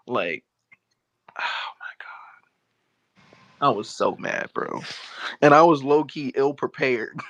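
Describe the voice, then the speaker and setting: Give me an animated man telling a story in a dry close-mic recording. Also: mid-range voice, no room sound, lo-fi sound. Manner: animated storytelling, slangy, laughs while talking. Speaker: podcast host. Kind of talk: casual sports chat.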